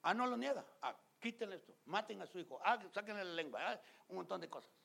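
A man preaching a fiery sermon as pastor. He talks straight to the congregation, gets loud and emphatic, and acts out scenes in other voices. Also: high-pitched, lively intonation, fast talker, vocal fry. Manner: loud and emphatic, often shouting.

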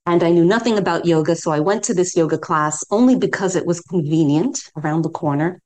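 A middle-aged woman from New York with an American accent, a yoga teacher telling her story in a measured, reflective way as a podcast guest. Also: fairly low pitch, a little mellow. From New York City.

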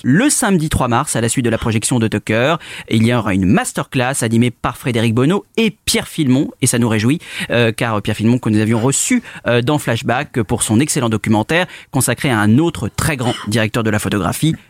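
A man's voice: medium pitch, dry recording, studio quality. Hesitant man hosting a film radio show. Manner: hesitant, many fillers and restarts. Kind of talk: cultural radio chat.

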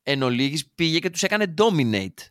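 Animated Greek man on a dry podcast mic. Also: a little high, no echo. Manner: animated, jokey, trails off mid-sentence. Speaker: podcast co-host. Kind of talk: casual football chat.

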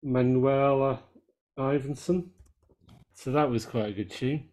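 A man's voice: mid-range voice, slow pace, a little mellow. A man co-hosting a casual music podcast, laid-back, swearing easily and trailing off with ums. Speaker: podcast co-host. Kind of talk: casual chat about music.

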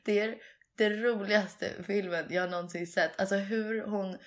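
A young woman chatting casually with a friend and retelling a comedy film with plenty of energy. She slips between Swedish and English and jumps into little quoted voices as she goes. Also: medium pitch. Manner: animated, mixes Swedish and English, acts out film scenes. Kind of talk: casual chat.

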